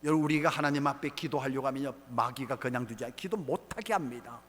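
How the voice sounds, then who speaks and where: A middle-aged man, a pastor, preaching a sermon in a large church sanctuary, rising to shouts and dropping to quiet asides. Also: medium pitch, fast talker. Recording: long hall reverb.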